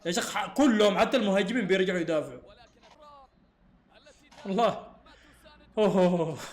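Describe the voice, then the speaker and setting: Fast-talking man reacting to football. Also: sits high, echoey room. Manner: excitable, exasperated, laughing often. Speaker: football fan reacting to a match. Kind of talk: live match reaction.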